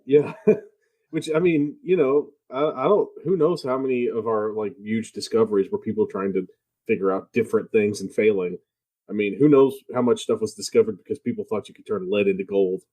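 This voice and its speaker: A man's voice: lowish voice, brisk. A man co-hosting a film podcast, making wry jokes in casual chat. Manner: wry, joking, lively. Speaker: podcast co-host.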